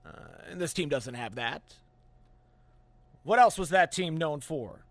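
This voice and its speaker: A man hosting a postgame sports radio call-in show, talking in an animated, emphatic way with fillers and restarts. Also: a little high, measured pace, dry recording. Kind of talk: sports talk radio, opinionated analysis.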